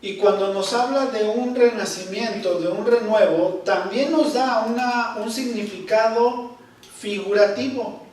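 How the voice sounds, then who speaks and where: A man teaching a Bible study class, speaking slowly, repeating key words and often checking in with his listeners. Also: sits high, a little mellow, a little hiss or hum. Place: church hall. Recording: echoey hall, voice from far off.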